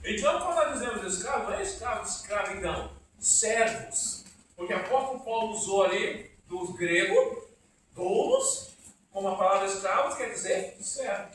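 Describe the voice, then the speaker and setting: A man preaching an informal church sermon, animated and quizzing the congregation. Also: sits high, normal speed. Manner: animated, asks the congregation questions, acts out quotes. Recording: echoey room from far off, faint noise.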